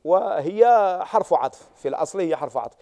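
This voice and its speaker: Guy teaching tafsir in class, high but mellow voice, keeps asking "got it?". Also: animated, brisk. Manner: checks understanding with rhetorical questions, stresses and repeats key words. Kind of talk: classroom lecture on Quranic exegesis.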